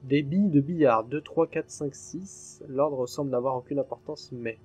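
A man's voice: medium pitch, normal speed, a little mellow, slightly rough, soft background music. A man commenting on his own horror game playthrough in a chatty way, swearing freely and jumping at scares. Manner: chatty and jumpy, swears freely when startled. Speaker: gaming channel host. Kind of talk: let's play commentary.

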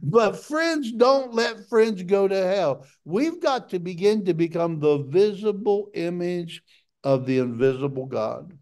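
A middle-aged man preaching a sermon with passion, his voice jumping up high for emphasis. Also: animated, measured pace, darkish tone. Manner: impassioned preaching, jumps to a high pitch for emphasis.

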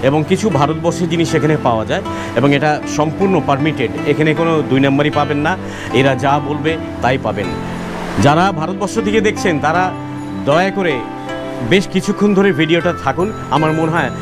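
Male street vlogger, fairly high voice, lively, talks straight to viewers, outdoor market, background music. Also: moderate pace. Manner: lively, keeps addressing the audience directly. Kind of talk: walking street vlog, talking to viewers.

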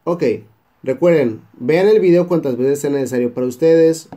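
Mellow-voiced Mexican man teaching English. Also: fairly high pitch. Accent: Mexican Spanish. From Baja California Sur, Mexico. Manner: repeats phrases slowly to model pronunciation. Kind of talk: English lesson for Spanish speakers.

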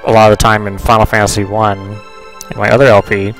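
A man's voice: fairly low pitch, level tone, quick pace, a bit bright, poor audio. A man giving casual, rambling, joking commentary as he plays a video game. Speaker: let's player. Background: video game music.

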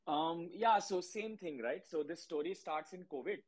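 Husky, higher-voiced Indian man. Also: moderate pace, poor audio. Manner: mixes Hindi into English, chatty and emphatic. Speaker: podcast guest, market analyst. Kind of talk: casual conversational explaining.

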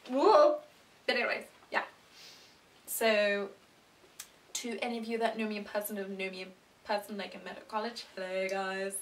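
A British teenage girl rambling and chatting to camera in a self-deprecating way, often breaking into excited squeals. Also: mid-range voice, distant mic, a little hiss or hum. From Britain. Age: teens. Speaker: vlogger. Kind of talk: rambling casual chat to camera.

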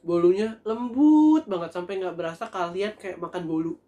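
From a table in a small room, a young man hosts a casual food review, speaking to his viewers with chatty enthusiasm. His high voice moves at a normal speed, and the recording sounds muffled.

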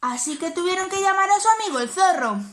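A preschool teacher, telling a story to small children in an animated, sing-song way. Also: female voice, very high-pitched, quick pace.

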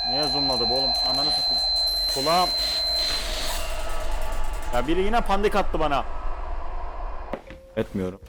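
A man's voice: mid-range voice, expressive, measured pace, pauses often, very noisy. A man commentating on a horror game as he plays, cursing constantly and reacting jumpily to scares. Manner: swears constantly, jumpy and panicky. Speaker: gaming streamer.

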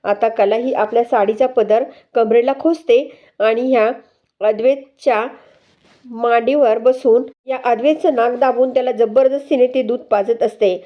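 A woman's voice: a little high, steady tone, a little slow, lo-fi sound. A woman retelling a TV serial episode in plain narration, repeating the same stock filler phrases. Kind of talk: plain storytelling recap.

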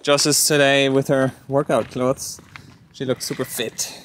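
A man's voice: mid-range voice, level tone, measured pace, fairly bright tone, slight background noise. A young man filming a casual travel vlog outdoors, joking and laughing often. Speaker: vlogger. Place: outdoors on a city waterfront and a mountain trail. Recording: music playing behind.

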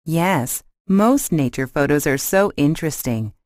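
A woman's voice: low voice, expressive, measured pace, darkish tone, dry recording, studio quality. A woman acting an agreeable, interested friend in a scripted language lesson dialogue, with careful short sentences.

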